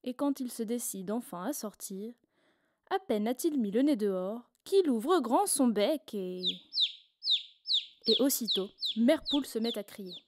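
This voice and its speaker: A woman reading a children's story aloud in a playful, expressive storyteller manner. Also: fairly high pitch, a little slow.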